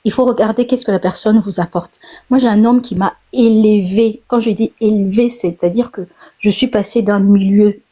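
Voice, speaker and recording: A woman's voice: medium pitch, steady tone, normal speed, dark tone. A woman in her forties, calling in to a live talk, telling a personal story in a casual, hesitant way with many restarts. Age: 40s. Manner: hesitant, repeats words, then tells at length.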